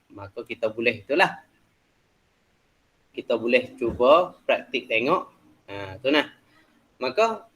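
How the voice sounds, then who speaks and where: A man teaches a class in a loose, repetitive style, explaining the lesson with lots of "ha" and "nah" fillers. His voice is middle-pitched with a fairly bright tone.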